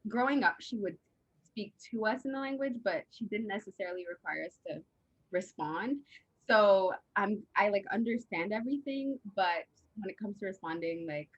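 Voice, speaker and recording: A woman's voice: mid-range voice, moderate pace, highs cut off. A woman from Uganda, speaking casually in a documentary interview. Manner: casual, with fillers like "like".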